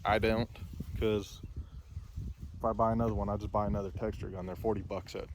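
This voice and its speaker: A man's voice: fairly low pitch, flat delivery, fairly quick, slight background noise. A man filming a casual how-to vlog outdoors by his truck, rambling and correcting himself as he talks plainly about the job. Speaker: vlogger.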